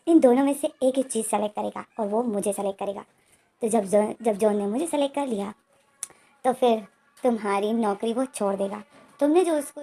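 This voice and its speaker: A woman's voice: fairly high pitch, dark tone. A woman reading out the lines of an angry young man in a story, with indignant, snapping retorts.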